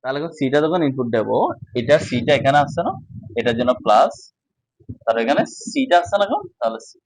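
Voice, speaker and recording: A man's voice: mid-range voice, wildly swooping pitch, brisk, creaky, dry recording, poor audio. A man teaching a casual whiteboard lesson, explaining step by step and often checking that students follow.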